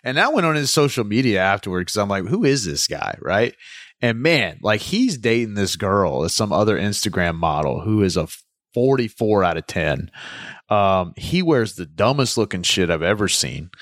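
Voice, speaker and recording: A man with a lowish voice chats casually on a podcast, loose and joking, swearing freely. His voice sounds dry and close to the mic. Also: sing-song, normal speed, fairly bright tone, no echo. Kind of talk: casual chat.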